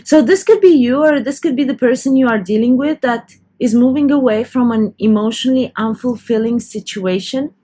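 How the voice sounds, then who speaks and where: A woman's voice: on the high side, moderate pace, hardly any pauses, warm tone. A woman doing a casual tarot reading to camera, talking loosely with restarts and self-corrections. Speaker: tarot reader.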